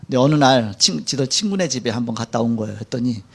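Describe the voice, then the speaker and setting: A man's voice: medium pitch, expressive, fast, gravelly, breathy edge. A middle-aged man preaching a sermon in a church. He speaks colloquially and animatedly, acting out quotes. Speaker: pastor. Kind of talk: sermon lecture.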